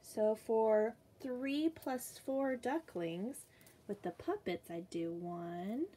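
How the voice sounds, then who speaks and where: A young woman who teaches young children reads them a picture book and counts slowly in a small room. She sounds patient and sing-song, with a fairly high pitch and warm timbre.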